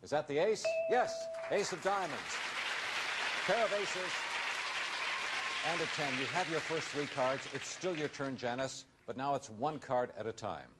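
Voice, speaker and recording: A man's voice: mid-range voice, normal speed, hardly any pauses, a loud crowd. A middle-aged American man hosting a game show, announcing each move with suspense in a commentary style. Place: television studio. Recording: noisy vintage TV studio recording.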